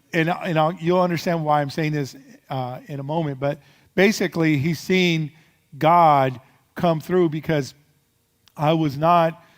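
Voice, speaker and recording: A man's voice: fairly high pitch, big-room sound. A man preaching a sermon as pastor, telling a story in a loose, rambling way with many fillers and restarts.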